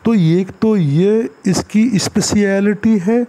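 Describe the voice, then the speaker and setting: A man teaching basic English grammar in Hindi. He mixes in English phrases and repeats words slowly for emphasis. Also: high voice, warm tone, rough recording. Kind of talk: classroom lecture.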